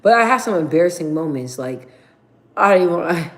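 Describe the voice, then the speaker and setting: A woman's voice: on the low side, lively intonation, a little fast. A woman in her thirties chatting casually with viewers on a livestream from her mother's house, rambling with lots of fillers and slang. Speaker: livestream host.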